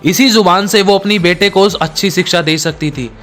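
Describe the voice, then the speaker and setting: A man's voice: high voice, moderate pace, a bit bright, soft background music. A man preaching a sermon, telling a dramatic story and repeating his phrases for emphasis.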